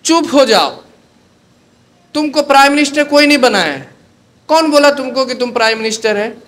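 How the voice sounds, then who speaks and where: A man voicing a tired, irritated male ward attendant who snaps quickly, in a story told during a sermon. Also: very high voice, lively intonation, fairly bright tone, voice pushed up. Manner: fast, scolding.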